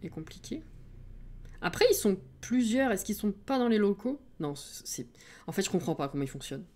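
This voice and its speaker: A woman's voice: medium pitch, big pitch swings, moderate pace, a little mellow. A woman streamer in casual chat with her viewers, laughing often and greeting people as they come in.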